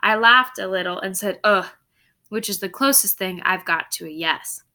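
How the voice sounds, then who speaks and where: Reading aloud to her students with plenty of expression, this woman teacher has a medium-pitched voice that's bright and forceful, moving at a normal speed. Her delivery is instructive, and she checks comprehension through tag questions along the way.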